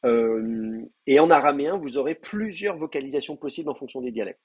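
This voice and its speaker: A man's voice: medium pitch, animated, a little fast, slightly rough, lo-fi sound. A man teaching an online class, explaining patiently with many fillers and restarts. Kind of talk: online lecture.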